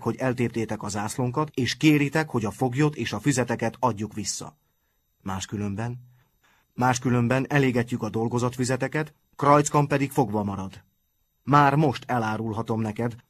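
A man voicing a defiant, mocking schoolboy gang leader in a storybook reading, speaking up loudly. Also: mid-range voice, no echo, natural voice.

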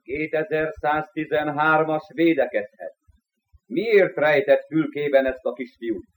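A man's voice: fairly high pitch, close to an everyday voice. A man playing a strict but fair commander of a moon colony in a radio play, speaking in a commanding way. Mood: stern.

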